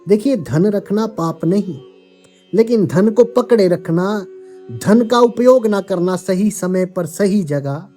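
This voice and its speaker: A man giving a calm, measured devotional discourse as a spiritual teacher, speaking directly to seekers. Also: high voice, soft background music.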